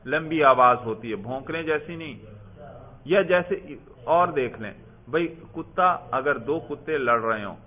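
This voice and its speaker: A man's voice: a little high, expressive. A male teacher giving a classroom grammar lesson, explaining patiently, repeating key words and quizzing his students. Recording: tinny phone-like audio.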